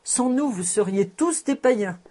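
A shrewd, proud old rabbi, voiced by a woman reading a novel aloud, sly and fond of proverbs, sometimes speaking through his nose. His voice is soft and mellow, with a slightly husky edge. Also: on the high side, lively intonation, measured pace, voice pushed up. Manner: sly, proverb-loving, nasal at times.

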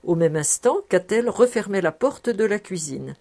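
A woman narrating a classic novel aloud in a measured, expressive way. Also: mid-range voice. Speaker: audiobook reader.

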